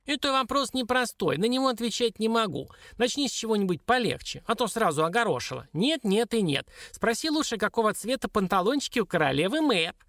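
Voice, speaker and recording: A man reading an audiobook, voicing a sly, whiny little dwarf with a piercing, squeaky screech. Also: very animated, a little fast, hardly any pauses, fairly bright tone, dry recording, clean studio sound, full character voice. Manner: wailing, pleading and cursing by turns. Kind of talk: audiobook character voice.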